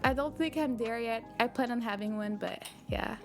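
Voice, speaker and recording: With music playing in the background, a young woman from Quebec streams live and answers viewers' messages in a casual chat, laughing a lot. She speaks at normal speed in a slightly high voice with a French Canadian accent.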